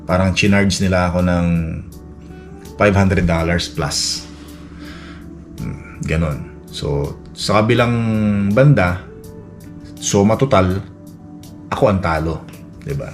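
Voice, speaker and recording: Lalaking mababa ang boses, nagkukuwento. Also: male voice, low-pitched, takes it slowly, long pauses. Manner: rambling, many restarts and fillers, acts out quoted dialogue. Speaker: vlogger. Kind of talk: casual storytelling vlog. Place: Edmonton, Canada. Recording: faint music behind.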